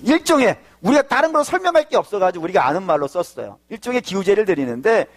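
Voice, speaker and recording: Lively, animated Korean pastor preaching. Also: male voice, high-pitched, quick pace. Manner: lively, emphatic preaching with sudden loud bursts; explains patiently, asking and answering his own questions. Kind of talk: sermon.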